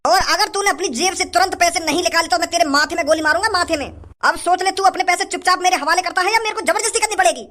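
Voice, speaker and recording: A man's voice: very high-pitched, quick pace, bright, forceful tone. An actor playing a boastful male street thug who threatens with a gun in a comedy sketch. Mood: menacing.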